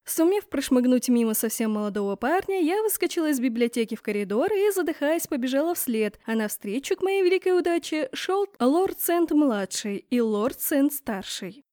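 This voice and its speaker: A woman narrating a first-person fantasy audiobook in a lively, expressive way. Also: sits high, moderate pace, few pauses, dry recording, studio quality. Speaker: audiobook reader.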